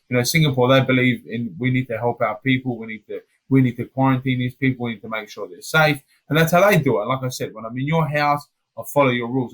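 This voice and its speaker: A man's voice: mid-range voice, poor audio. Chatty Australian man telling stories. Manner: animated storyteller, peppers speech with "man" and "mate". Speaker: podcast guest, professional fighter. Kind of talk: casual storytelling chat.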